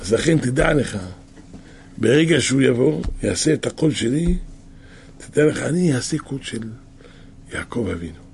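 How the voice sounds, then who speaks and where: A man's voice: medium pitch, animated, pauses often, darkish tone, a little hiss or hum. A man voicing Esau, a scheming young man warning his father about his brother, in a storytelling. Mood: urgent warning. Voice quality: raspy. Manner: urgent, warning.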